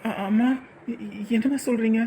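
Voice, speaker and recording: A stammering, guilty son. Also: male voice, very high-pitched, steady tone, moderate pace, heavy background noise. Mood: nervous. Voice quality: hesitant, stammering. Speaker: grown son in a family drama.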